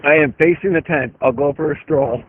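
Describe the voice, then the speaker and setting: A man talking trucker CB radio chatter, calling out handles on the channel in a relaxed, casual way over a radio transmission. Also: on the high side, brisk, slight background noise. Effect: tinny CB radio transmission. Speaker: convoy participant on the radio channel. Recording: tinny narrow-band radio, dry.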